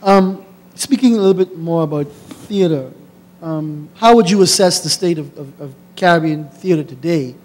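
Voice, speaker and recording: Mellow-voiced man asking polite questions. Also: a little high, normal speed. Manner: polite, hesitant questioning with fillers. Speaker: interviewer. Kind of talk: on-stage interview. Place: lecture hall.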